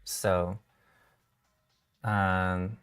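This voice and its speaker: A man who is a software engineer, hosting a tutorial stream and explaining code step by step, halting with many fillers and self-corrections, his voice a little worn. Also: deep voice, level tone, clear, resonant tone, distant mic, soft background music. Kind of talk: live-coding tutorial walkthrough.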